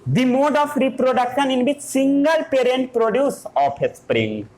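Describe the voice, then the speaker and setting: A man's voice: extremely high pitch, sing-song, very slow, a little mellow. Playful man teaching a class. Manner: playful questioning of students. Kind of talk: classroom lesson.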